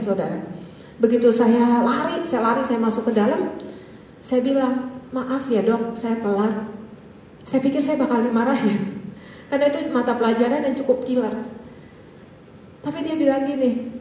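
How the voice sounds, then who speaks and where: A high-pitched, middle-aged woman with a Jakarta accent gives a personal testimony to a church congregation. She tells her story with life and keeps turning to the listeners as brothers and sisters. Her voice rings through a large, strongly echoing hall and comes from well off the microphone. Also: moderate pace, long pauses, dark tone, a little hiss or hum. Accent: Jakarta Indonesian. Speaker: physician giving a church testimony. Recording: echoey hall, voice from far off.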